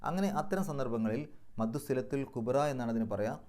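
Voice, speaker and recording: A man teaching Quran recitation rules in a methodical lesson, slowing down to recite and stretch example phrases. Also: medium pitch, animated, darkish tone. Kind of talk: tajweed lesson.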